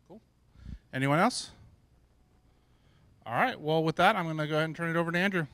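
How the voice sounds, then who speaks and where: A man organizing a meetup, making casual, relaxed announcements with plenty of ums before introducing the speaker. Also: a little high, brisk. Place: meetup room.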